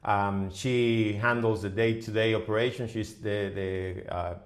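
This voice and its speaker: A middle-aged man from the Dominican Republic, a business owner guest on a podcast, speaking haltingly with many fillers and restarts. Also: fairly low pitch, fairly even intonation. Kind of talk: podcast interview.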